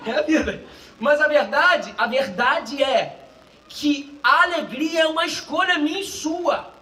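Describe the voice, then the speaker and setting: A man pastor preaching a sermon in a cinema hall, swinging between shouted lines and quiet asides. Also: extremely high pitch, expressive, slow, recorded from a distance. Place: cinema auditorium used for a church service.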